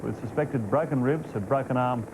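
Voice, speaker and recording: Male news anchor, Australian accent, medium pitch, scripted bulletin read. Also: normal speed, noisy background. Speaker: news presenter.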